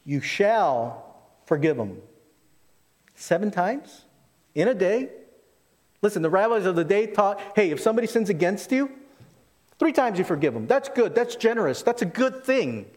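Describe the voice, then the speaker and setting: A man's voice: high-pitched, very animated, moderate pace, long pauses, darkish tone, big-room sound. A man pastor preaching a sermon into a pulpit microphone in a church, talking to the congregation in a conversational way, his voice rising and falling for emphasis. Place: church sanctuary.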